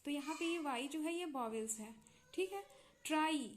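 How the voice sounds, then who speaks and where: A woman with an Indian accent teaches English sounds in a high, clear voice. She talks patiently, repeats each example word and keeps checking that her students follow. A faint hiss sits under the recording. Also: animated, normal speed. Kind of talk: explaining English phonics in Hindi.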